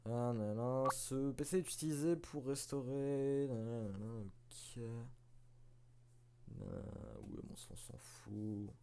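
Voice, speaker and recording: A man's voice: mid-range voice, slow, a little mellow, a little hiss or hum. A man giving casual, self-mocking commentary while playing a video game, swearing and chuckling now and then. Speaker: let's play host.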